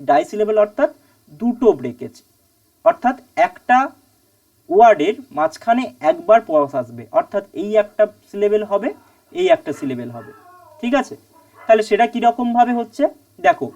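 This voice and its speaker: A woman teaching an online English grammar lesson, asking and answering her own questions and repeating key words slowly. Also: on the high side, a little mellow, far from the mic, lo-fi sound.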